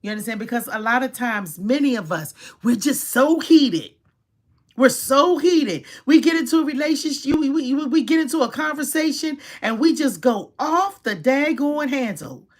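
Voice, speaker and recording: A middle-aged woman, giving casual relationship advice to viewers in an animated, preachy way and acting out quoted scenes. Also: high voice, normal speed.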